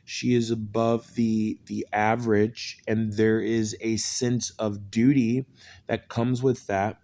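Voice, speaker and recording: A man's voice: lowish voice, flat delivery, slow pace, warm tone. A man giving an unscripted, mystical tarot horoscope reading, repeating phrases for emphasis like an incantation. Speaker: tarot reader, horoscope host.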